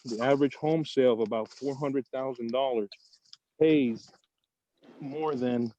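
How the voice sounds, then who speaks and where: A man's voice: mid-range voice, mellow, dry recording. A man calling in over a video call line to make a prepared public comment, methodically reciting figure after figure in an earnest tone. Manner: earnest, methodical, lists numbers one after another. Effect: heard over a video call line. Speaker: caller speaking at public comment. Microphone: video call app. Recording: dull lo-fi call audio, dry.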